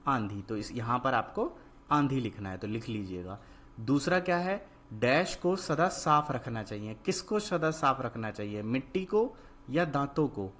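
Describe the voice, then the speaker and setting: A man's voice: mid-range voice, animated, measured pace, a bit bright. A man teaching a Hindi worksheet lesson, asking patient repeated questions and answering each word himself. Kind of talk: worksheet lesson, call and response.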